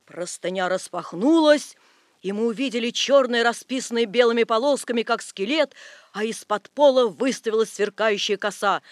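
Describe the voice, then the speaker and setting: A man narrating a literary tale aloud with expressive, lively storytelling. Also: high voice, no room sound.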